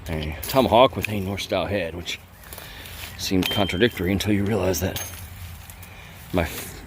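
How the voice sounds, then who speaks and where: Out in a bamboo grove, a bladesmith hobbyist from the southern United States shoots a lighthearted demo vlog on his phone, joking with the plants. He speaks at a normal pace in a deep voice over a noisy background.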